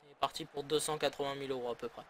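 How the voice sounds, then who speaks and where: A man's voice: mid-range voice, fairly even intonation, racing. A man from France giving sarcastic, grumbling commentary while playing a football management game. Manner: sarcastic, grumbling, swears often. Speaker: gaming YouTuber. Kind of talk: casual let's-play commentary.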